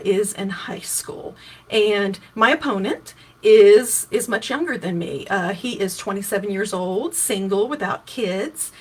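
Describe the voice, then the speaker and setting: In a relaxed explanatory livestream of her own, a woman in her fifties who is running for office in Kentucky goes over practical details and responds to viewer questions. She speaks conversationally in a husky, medium-pitched voice, often restarting phrases or dropping in fillers.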